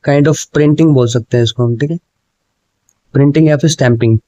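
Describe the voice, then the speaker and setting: A man teaching an exam prep lesson in casual Hindi mixed with English. He reads the English exam sentences slowly, word by word, explains them in Hindi, and keeps checking in with the class. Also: medium pitch, dark tone, dry recording, dull audio. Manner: explains in Hindi with English words, often says "ठीक है" and "भाई".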